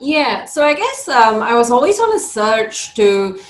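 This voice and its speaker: A woman's voice: on the high side, very animated, a little slow. Thoughtful Singaporean woman in an echoey room. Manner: thoughtful, many fillers. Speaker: podcast guest, career coach. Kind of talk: conversational interview.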